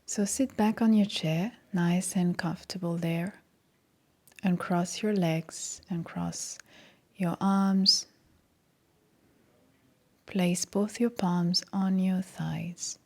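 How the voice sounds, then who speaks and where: Leading a meditation at a very unhurried pace, a yoga teacher and meditation guide speaks softly and breathily. Her tone is mellow and relaxed, slightly low in pitch. Every instruction comes out calm, gentle and soothing.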